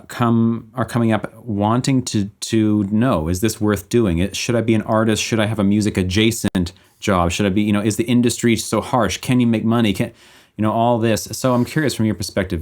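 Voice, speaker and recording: Relaxed low-voiced man in his thirties. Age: 30s. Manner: animated, thinking aloud with many restarts. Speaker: podcast host. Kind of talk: casual conversation.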